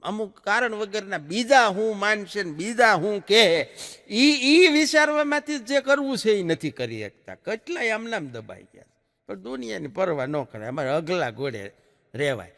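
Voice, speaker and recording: A man's voice: high voice, sing-song, moderate pace, fairly bright tone, long reverb tail. A man telling jokes on stage, a chatty storyteller who swings his voice up and down for punchlines. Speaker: stand-up comic. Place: live stage show. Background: audience laughter.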